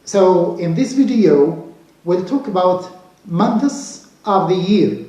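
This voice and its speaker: A man teaching English pronunciation to beginners, speaking slowly and repeating each word carefully. His native language is Arabic. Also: high voice, mellow. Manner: drills words slowly and repeats them. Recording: very echoey room.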